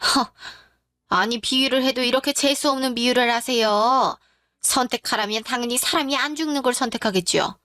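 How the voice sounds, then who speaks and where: A woman's voice: on the high side, moderate pace, bright, forceful tone, dry recording, clean studio sound. A woman voicing a rude, scornful middle-aged mother-in-law who talks in a blunt, dismissive way in a dramatized story.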